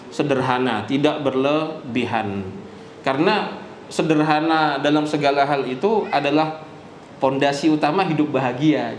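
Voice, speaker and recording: A man's voice: on the high side, slight background noise. Man teaching in an echoey mosque. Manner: hesitant with many fillers; asks rhetorical questions and answers them. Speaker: Islamic teacher. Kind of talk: mosque study lecture.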